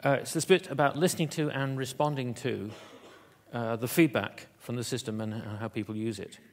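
Giving a keynote address in an auditorium, a man speaks at medium pitch with fairly even intonation. He stumbles along haltingly, often using fillers and starting over.

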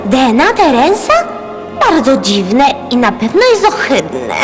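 A woman's voice: fairly high pitch, wildly swooping pitch, measured pace. A woman voicing a sassy, bubbly young female agent in a cartoon dub. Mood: disgusted. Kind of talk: animated cartoon dub acting. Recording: long reverb, loud music bed.

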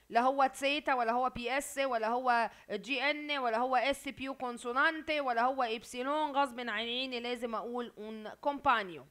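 A woman with an Egyptian Arabic accent runs an online university Italian lecture, her voice high and her delivery fast. She quizzes the students and repeats each word as she goes, heard over a video call. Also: bright, forceful tone.

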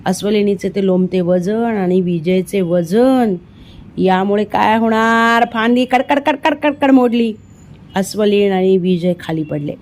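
A woman from India reading a children's storybook aloud, performing the dialogue with lively expression. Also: measured pace. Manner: expressive, voices the dialogue with rising pitch in tense moments. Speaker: audiobook reader. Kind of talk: storybook narration.

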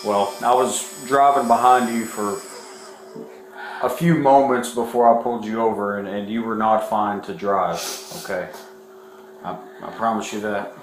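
A man, a police officer speaking calmly and firmly during an arrest. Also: lowish voice, measured pace. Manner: calm, firm and repetitive. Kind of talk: arrest procedure. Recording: echoey room with background noise.

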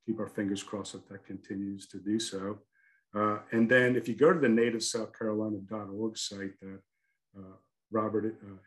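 A man's voice: on the low side, low-quality recording. A man from the northern United States giving a lecture and answering questions on a video call, talking conversationally with many fillers. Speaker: guest lecturer, archaeologist.

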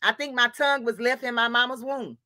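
A woman with a bright, fairly high voice hosts a casual sewing livestream. She greets viewers by name in a chatty, scattered way, laughing often and calling each one queen. The sound is close and dry, with no room echo. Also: steady tone, brisk. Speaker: livestream host of a sewing channel.

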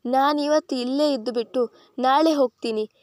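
A woman's voice: sits high, moderate pace, a little mellow, no echo, clean studio sound, natural voice. A woman voicing a troubled young man who does not want to go home. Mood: gloomy.

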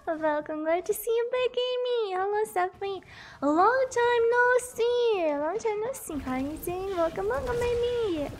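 Very high-voiced giggly woman streamer. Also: animated, normal speed, few pauses, darkish tone, a little hiss or hum. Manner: giggly, greets viewers, yelps during fights. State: sick with a cough. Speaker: game streamer. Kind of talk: casual gaming stream chat.

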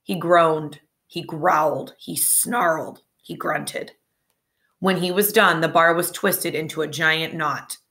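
Slow, bright-voiced woman reading aloud. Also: sits low. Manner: slow, lively read-aloud with light character voices. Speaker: storybook reader. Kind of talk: reading a children's chapter book aloud.

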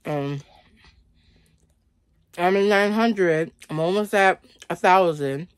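Slow and smooth, on the low side, this woman's voice comes through with no room sound. In her thirties, she talks conversationally to viewers during a mukbang in a small bedroom, eating as she goes and often saying "like."

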